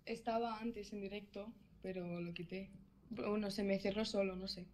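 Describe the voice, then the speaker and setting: A woman's voice: medium pitch, fairly even intonation, normal speed, darkish tone. Woman on a video call. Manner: short, amused replies. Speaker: video chat partner. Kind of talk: casual video chat. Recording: remote voice over a video call, faint noise.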